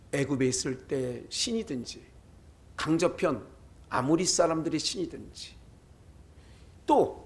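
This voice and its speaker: A man preaching a sermon as pastor with a Chungcheong Korean accent, lively and rising to loud outbursts in church. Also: a little high. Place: church sanctuary.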